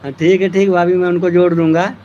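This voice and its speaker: On a live stream, a man with a fairly high, dark-toned voice chats casually, teasing viewers and thanking them by name. He talks quickly and flatly, and the phone audio is dull and lo-fi with faint vehicle noise behind him.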